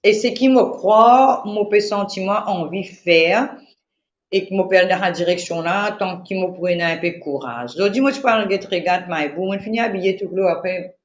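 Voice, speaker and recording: A woman from Mauritius with a Mauritian Creole accent, chatting on the radio in an animated, repetitive, emphatic way. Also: mid-range voice, normal speed, a little hiss or hum. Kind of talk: casual radio chat. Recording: roomy lo-fi radio recording.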